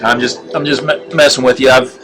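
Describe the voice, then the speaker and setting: A middle-aged card break host runs a live card-opening stream, offering casual commentary in a mid-range voice. He talks in a flat monotone, halting often with fillers and restarts, while music plays in the background of the live stream.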